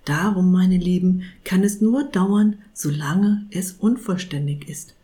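A gentle, dreamy old saint speaks slowly and solemnly, pondering each word, as a woman puts him on. His tone is kindly and unworldly in this storybook reading. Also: lowish voice.

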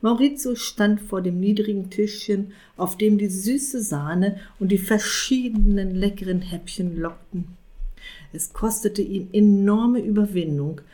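A woman narrating a storybook aloud in a calm, quiet voice. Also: mid-range voice. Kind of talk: storybook reading.

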